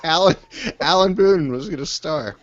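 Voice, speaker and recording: A man's voice: fairly high pitch, dull audio. A man hosting a podcast, joking around in casual chat with his co-hosts before and during the show. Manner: animated, joking, quick to laugh. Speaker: podcast host.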